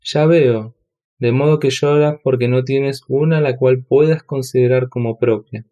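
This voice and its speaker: A man voicing a playful, tender young goddess in a storybook reading, speaking gently. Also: medium pitch, steady tone, measured pace, highs cut off, lightly acted. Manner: gentle, coaxing.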